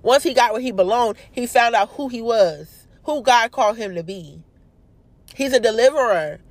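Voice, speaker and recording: A woman's voice: mid-range voice, no room sound. Young woman giving a casual devotional talk. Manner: stumbles over words, animated and emphatic. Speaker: prayer video host.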